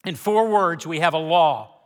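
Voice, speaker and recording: A man preaching a sermon as a pastor, with emphatic, dramatic delivery, deliberate pauses and repeated key phrases, swinging between hushed and loud. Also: fairly high pitch. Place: large church sanctuary. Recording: reverberant large hall sound.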